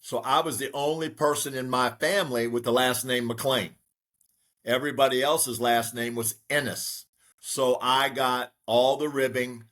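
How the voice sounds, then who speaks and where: In a mid-range voice, a man in his sixties from the United States reflects steadily on his life story during an interview. A real estate broker by trade, he peppers his speech with frequent fillers.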